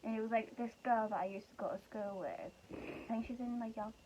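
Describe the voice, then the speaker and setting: A woman's voice: a little high, fairly even intonation, a little fast. A hungover young British woman chatting casually through a story in a giggly, informal way. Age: young adult. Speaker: vlogger telling a story. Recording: muffled, noisy home recording.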